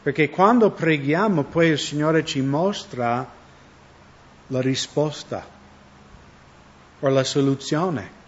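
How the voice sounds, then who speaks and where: A man's voice: a little high, takes it slowly, long pauses. Man preaching a sermon, lo-fi. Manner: conversational, asks the audience questions. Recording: dull lo-fi recording.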